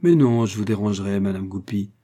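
A man doing a calm, amused inventor. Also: lowish voice, a little fast, natural voice. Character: calm, amused middle-aged male inventor.

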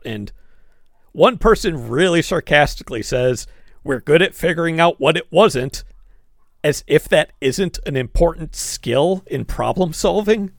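A man co-hosting a casual movie-review podcast, animated and quick to react. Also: mid-range voice, creaky, no echo, studio quality. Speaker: podcast co-host.

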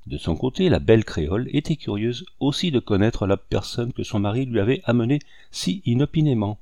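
A man narrating a classic novel as an audiobook, measured and even. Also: mid-range voice, vocal fry, no room sound.

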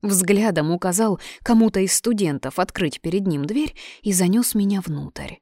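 A woman reading a first-person story as audiobook narration in an even, story-telling way. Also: medium pitch, moderate pace, no room sound, clean studio sound.

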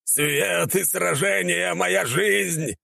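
A man voicing a cowardly male warrior of light who squeals and wails in a shrill, strained voice. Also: fairly even intonation, extremely slow, vocal fry, bright, forceful tone, slightly rough, no room sound, exaggerated voice. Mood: bombastic.

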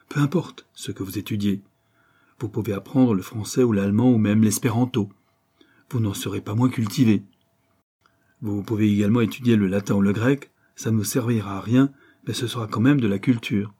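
Brief: man doing a blunt, mocking young gent, husky and warm. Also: on the low side, fairly quick. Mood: sardonic.

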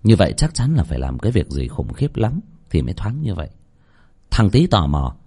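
Husky man telling a horror story. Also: low voice, a little fast. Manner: expressive, dramatic storytelling.

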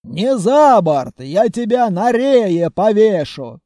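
A man's voice: high voice, expressive, measured pace, warm tone, no room sound, studio quality. A man doing a pompous blustering suitor. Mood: threatening. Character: pompous boastful male suitor captain.

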